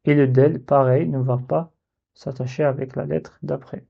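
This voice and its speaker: A man teaching Arabic letter reading in a slow step-by-step lesson, patiently spelling out syllables and repeating them. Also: medium pitch, flat delivery, gravelly, breathy edge, highs cut off.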